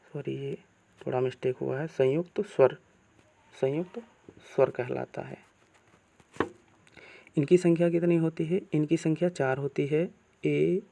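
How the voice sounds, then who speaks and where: Man teaching a grammar lesson, gravelly. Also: mid-range voice, mellow. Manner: asks questions then answers them; slow, repeated teacherly phrasing.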